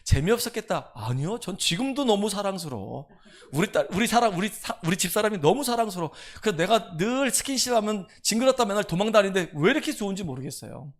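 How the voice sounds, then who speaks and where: A middle-aged man preaching a Sunday sermon in a church. He swings from loud pleading to hushed, intimate tones and acts out the voices of the people in his stories. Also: sits high, sing-song, quick pace. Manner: acts out quoted voices in dialogue. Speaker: pastor. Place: church sanctuary.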